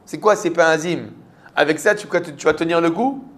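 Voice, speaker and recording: Man putting on a boastful brutish giant, scornful, swaggering, pitched up high. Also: moderate pace, fairly bright tone, lightly acted. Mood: mocking.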